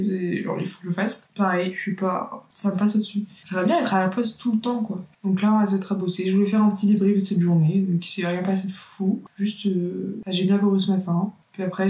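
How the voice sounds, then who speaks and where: Student vlogger, woman in her 20s, casual rambling chat with lots of self-corrections, mid-pitched, echoey room. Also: darkish tone. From France.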